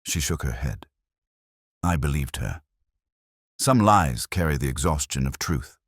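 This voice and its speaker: Narrating a first-person literary mystery, this man has a remarkably deep voice with a breathy edge. His pacing is measured and his tone brooding, yet the melody stays lively. The audio is dry and close-miked, without any reverb from the room.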